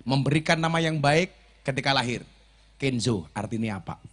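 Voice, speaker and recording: A man's voice: mid-range voice, lively intonation, moderate pace, a bit bright. A man with a Javanese accent preaching at a village gathering, joking and teasing the crowd. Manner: jokey, teasing the crowd, switching between Javanese and Indonesian. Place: outdoor village religious gathering.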